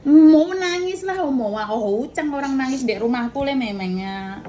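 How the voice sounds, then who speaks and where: Woman agent, high-pitched, firm lecturing tone, faint background hiss. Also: animated, moderate pace, mellow. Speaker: domestic worker agent. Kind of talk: scolding phone mediation.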